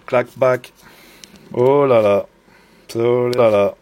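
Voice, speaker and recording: A knife hobbyist vlogger from Belgium talks through a knife in a casual video review, his Belgian French accent clear in a medium-pitched, a little mellow voice with fairly even intonation and drawn-out words. There's no echo. He's hesitant, with plenty of fillers, restarts and admiring enthusiasm.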